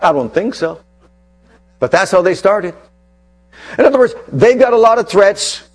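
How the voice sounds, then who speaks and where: A man preaching a sermon, repeating phrases for emphasis and swinging between loud declarations and hushed asides. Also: high voice, lively intonation, moderate pace.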